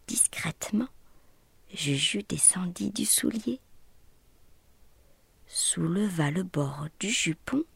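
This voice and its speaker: Slow, husky woman reading a children's story. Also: lowish voice, no room sound. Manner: soft, often whispered, playful rhythmic delivery.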